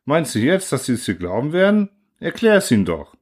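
A man's voice: mid-range voice, sing-song, a little fast, slightly rough. A man voicing a sly, amused scientist friend in an audiobook, asking teasing, offhand questions.

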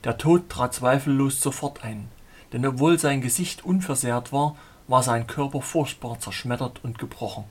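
A man's voice: mid-range voice, moderate pace, husky. A man reading a first-person story aloud as an audiobook narrator, earnest and dramatic.

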